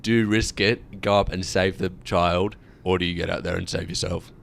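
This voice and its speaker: A man's voice: low voice, fairly even intonation, normal speed, vocal fry, a little hiss or hum. A man in his early twenties co-hosting a podcast, chatting casually and teasing his co-host in a playful way. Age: early 20s. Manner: teasing, playfully acts out quoted voices. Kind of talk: casual chat.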